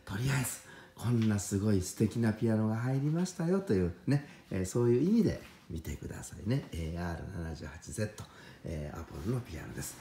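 A man who runs a piano shop, showing off a piano late at night and talking in a deliberately quiet, half-whispered way. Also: on the low side, sing-song, roomy sound, slight background noise. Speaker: piano shop owner presenting a piano. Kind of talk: hushed late-night product demo. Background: soft piano playing.

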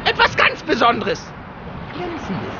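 A tiny bearded leprechaun for a video game, cranky and mischievous. He is very high-pitched and swoops wildly as he scolds theatrically, with clear ambient noise behind him. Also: huge pitch swings, unhurried, muffled recording, exaggerated voice. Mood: grumpy. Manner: scolding, theatrical, full of quaint insults.

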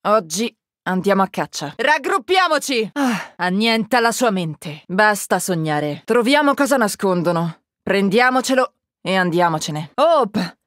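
A woman's voice: medium pitch, sing-song, a little slow, dry recording. An actress voicing a menacing young woman agent in a video game, with cold, taunting, clipped callouts, recorded dry on a close studio mic. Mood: cool menacing. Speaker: voice actress dubbing a game character. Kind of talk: game voice lines.

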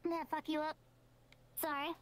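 A speaker in a casual online voice chat, talking in a teasing, playful way through a high-pitched voice changer. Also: flat delivery, normal speed. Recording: clear background noise.

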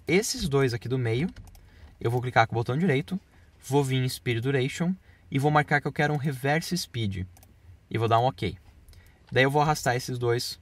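A man explaining video editing step by step in a casual screen-recorded tutorial. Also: medium pitch.

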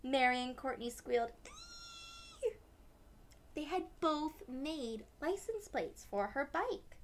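Reading a storybook expressively for young kids, this twenty-something woman speaks in a high, expressive voice at a slightly slow pace. As a read-aloud host, she tosses in asides to the children, recorded indoors in a small decorated room.

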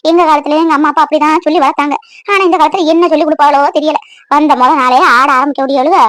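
A woman's voice: sits high, steady tone, quick pace, a bit bright, dry recording, studio quality. A woman voicing a grumbling old village woman. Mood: lamenting. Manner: lamenting, scolding, moralizing. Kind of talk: cartoon voice acting.

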